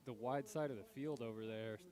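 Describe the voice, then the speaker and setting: A man giving color commentary on a local high school football game, breaking down plays and hedging his calls. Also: brisk, a little mellow. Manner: thoughtful, analytical, hedges his calls.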